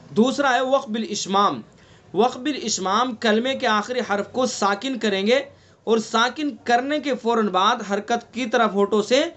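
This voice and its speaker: A man from India teaching an online Quran recitation class. He explains slowly, repeats the terms and quizzes his students with questions. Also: high voice, fairly bright tone. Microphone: online class recording.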